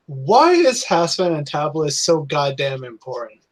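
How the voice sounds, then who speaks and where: Excitable man with a higher voice. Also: a little slow. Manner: excitable, swearing, jumping in. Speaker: podcast guest. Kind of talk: casual chat. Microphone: video call.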